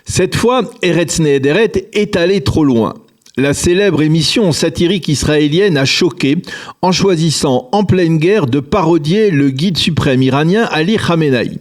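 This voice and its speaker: A man presenting a scripted news commentary in a measured, editorial reading. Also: a little high.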